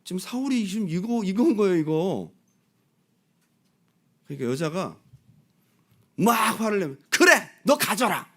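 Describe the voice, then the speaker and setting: A male pastor delivers an animated sermon in a fairly high voice with wide, lively swings of pitch. He presses the congregation with direct questions, rising to loud exclamations and then dropping to soft, low asides. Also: measured pace, long pauses.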